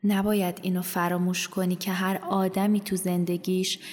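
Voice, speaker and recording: Woman narrating low and flat, gravelly and breathy, lots of long reverb. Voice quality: creaky, whispery. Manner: slow, half-whispered, reflective. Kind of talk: scripted narration.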